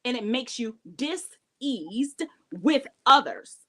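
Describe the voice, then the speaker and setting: A woman appearing as a guest speaker who teaches in a deliberate way and repeats key points for emphasis. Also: fairly high pitch, expressive, a bit bright. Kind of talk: teaching talk.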